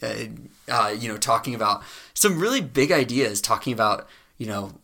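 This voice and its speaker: A young man co-hosting a casual podcast from a studio, talking in a relaxed, halting way with fillers. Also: medium pitch. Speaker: podcast co-host.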